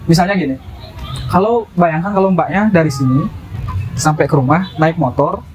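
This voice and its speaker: Chatty young man, loud street noise. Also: fairly high pitch, normal speed, rough recording. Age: 20s. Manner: chatty, questioning, explaining. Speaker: street interviewer. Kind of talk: casual street chat.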